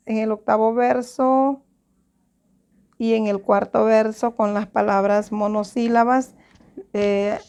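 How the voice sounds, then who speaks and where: A woman teacher from Honduras giving a recorded lesson to students, explaining slowly and stopping to correct herself. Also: mid-range voice, gravelly, a little mellow. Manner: slow, explanatory, repeats and self-corrects.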